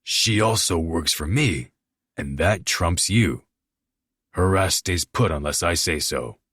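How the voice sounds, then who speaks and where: A man voicing a domineering mafia boss in an audiobook, speaking in a slow, commanding way. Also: deep voice, animated, fairly bright tone, slightly rough, no echo, clean studio sound, heavily acted.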